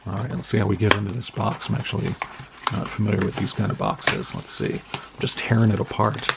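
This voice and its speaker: A middle-aged American man with a cold and a hoarse, raspy voice, chatting in a rambling, friendly way while opening card packages for his channel. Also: lowish voice, fairly even intonation, a little fast, very noisy. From United States. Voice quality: raspy, gravelly. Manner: rambling, friendly, many uh fillers. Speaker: card collecting vlogger. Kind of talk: casual chat while opening mail.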